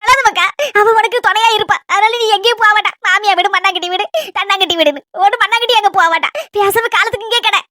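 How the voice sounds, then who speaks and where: A woman's voice: very high-pitched, fast talker, hardly any pauses, pushed and bright, dry recording, studio quality. A woman voicing a nosy, talkative old village mother-in-law in a cartoon, with a Kanyakumari Tamil accent and a chattering, nagging manner. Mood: scolding. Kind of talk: cartoon voice acting.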